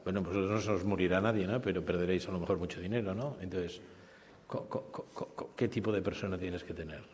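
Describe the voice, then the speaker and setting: In a reverberant conference hall, a man on a business school panel talks fast in a low, steady, slightly mellow voice. His panel remarks keep stalling into stammered restarts, and he ends points with tag questions.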